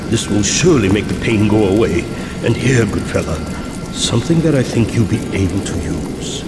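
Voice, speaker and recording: A man's voice: lowish voice, lively intonation, normal speed, lightly acted. An actor playing a folksy, aching old man in a video game, weary in manner. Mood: weary, hopeful. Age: older. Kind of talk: video game character dialogue. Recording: roomy echo under loud music and rain.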